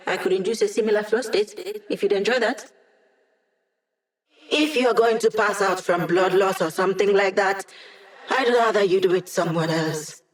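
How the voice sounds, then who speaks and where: A woman's voice: mid-range voice, lightly acted. A woman voicing a digitized young female hacker in a video game, a wry, upbeat ally with casual, techy chatter.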